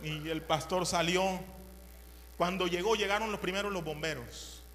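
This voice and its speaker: A male preacher telling a story in a sermon, animated and repetitive, swinging from hushed to loud. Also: high-pitched, normal speed, big-room sound, faint music behind.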